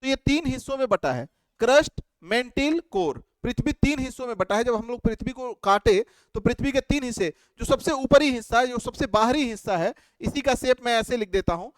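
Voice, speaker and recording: A man's voice: very high-pitched, animated, fairly quick, hardly any pauses, no echo. A man teaching at a board, asking questions and answering them himself, repeating key terms like a drill. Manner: drawing on a board while explaining. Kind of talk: whiteboard lecture.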